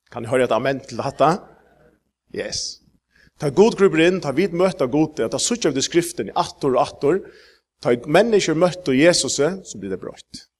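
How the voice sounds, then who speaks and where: A man's voice: mid-range voice, darkish tone. Emphatic preacher, man. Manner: halting with many fillers, rising to emphatic peaks. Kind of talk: sermon.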